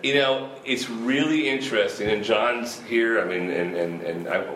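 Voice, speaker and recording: Man in his fifties, festival organizer, rambling casual talk, laughs a lot, lowish voice, echoey room. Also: moderate pace, fairly bright tone. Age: 50s. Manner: rambling, laughs often, frequent restarts. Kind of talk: casual interview chat. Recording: roomy echo with faint ambient noise.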